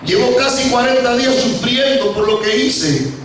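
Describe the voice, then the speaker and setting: A man's voice: high-pitched, very animated, unhurried, a little hiss or hum, pitched above the performer's own voice. A man acting out a grieving, pleading repentant male apostle in a raised voice, in an echoey hall from far off.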